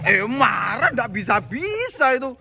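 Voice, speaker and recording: A man's voice: very high-pitched, very animated, unhurried, creaky, noisy background. A man, narrating a comedy skit and directing his team, often laughing as he talks. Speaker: director of an acting challenge.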